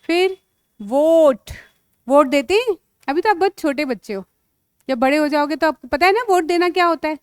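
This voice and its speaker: A woman's voice: high-pitched, expressive, normal speed, dry recording, clean studio sound. A woman with an Indian accent teaching phonics to young children, sounding out words letter by letter and calling the listeners "beta".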